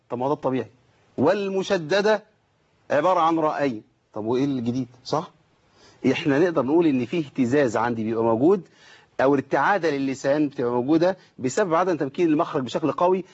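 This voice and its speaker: A middle-aged man with an Egyptian accent teaching Quran recitation online, correcting students and slowly demonstrating each sound. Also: on the high side, a little mellow, breathy edge, muffled recording. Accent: Egyptian Arabic. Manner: corrective, demonstrates letters slowly and repeats them. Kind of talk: online tajweed lesson.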